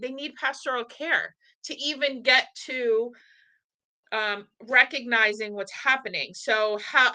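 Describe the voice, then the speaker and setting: A woman from the Northeastern US hosting a podcast, talking in an animated, blunt way and swearing casually. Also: high-pitched, poor audio. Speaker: podcast host. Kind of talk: casual conversation.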